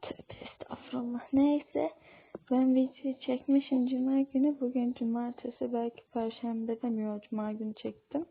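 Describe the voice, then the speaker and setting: Teen girl vlogger, rambling and cross, flat high voice. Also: moderate pace, slightly rough. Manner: irritable, rambling. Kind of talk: casual vlog intro. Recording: tinny phone-like sound.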